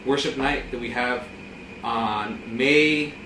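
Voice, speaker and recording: A man's voice: medium pitch, slow. A man hosting a casual interview, upbeat and encouraging, often answering with "awesome" and "praise God". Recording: echoey room, mic at a distance, background hum.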